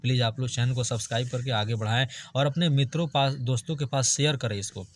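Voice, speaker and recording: A man's voice: mid-range voice, fast talker. A male teacher gives an online grammar lesson, reading word lists aloud and joking with his students. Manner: chatty, jokes with students, drills word lists.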